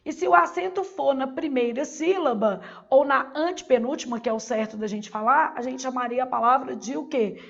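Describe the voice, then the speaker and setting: In a muffled recording, a Brazilian woman leads a Portuguese exam-prep class, asking questions and then supplying the answers herself in a didactic manner. Her high-pitched, creaky voice moves briskly with few pauses.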